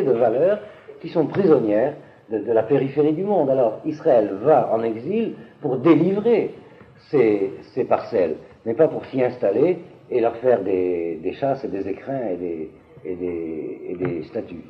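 Guy giving a lecture, voice jumps up and down a lot, sounds like an old phone-line tape. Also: mid-range voice. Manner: hesitant, restarts, asks if clear. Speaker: teacher. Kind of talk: lecture on biblical texts.

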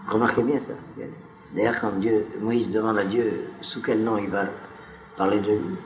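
A man's voice: lowish voice, fairly even intonation, normal speed. A man giving a spoken lecture to a live audience, wandering into digressions and often turning to the listeners with questions. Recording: echoey room recording.

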